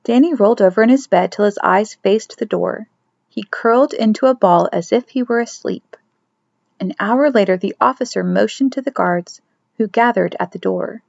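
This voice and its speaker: A woman narrating a chapter of a novel in a steady storytelling manner, dropping to soft whispers for a character's thoughts. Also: medium pitch, moderate pace, vocal fry, no echo. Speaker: audiobook reader. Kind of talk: scripted narration. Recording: dry, dull lo-fi recording.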